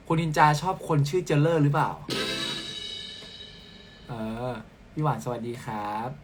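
Playful young man chatting on a live stream. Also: a little high. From Thailand. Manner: playful and chatty, laughs and teases fans. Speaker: singer hosting a live stream. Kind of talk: casual live-stream chat reading fan comments. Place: at home, in sleepwear.

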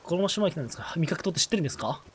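A man voicing a polite, ladylike young female deer villager, reading her lines in a soft, quick, formal way. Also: fairly high pitch, lively intonation, soft background music, close to an everyday voice. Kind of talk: reading a game character's lines aloud.

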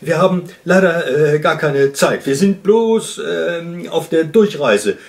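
A man voicing a wary lynx who stammers nervously and talks in a raised, hurried voice, in a read-aloud storybook. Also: on the high side, fairly even intonation, darkish tone, far from the mic, voice pushed up. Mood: flustered bluffing.

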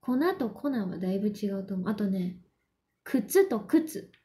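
A woman's voice: mid-range voice, animated, moderate pace, mellow. A young woman from Japan who speaks Mandarin as a second language, chatting casually with viewers on a livestream, giggling and switching between Mandarin and Japanese. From Yamanashi, Japan. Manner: mixes Mandarin and Japanese, giggly, reads viewer comments aloud. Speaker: idol livestream host.

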